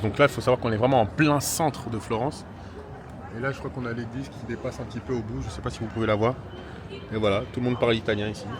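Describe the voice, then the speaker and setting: Chatty man vlogging to camera. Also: on the low side. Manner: chatty, enthusiastic, many fillers. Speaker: vlogger, influencer. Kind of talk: casual travel vlog, talking to camera. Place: hotel room and city streets. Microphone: handheld camera. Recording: noisy outdoor street ambience.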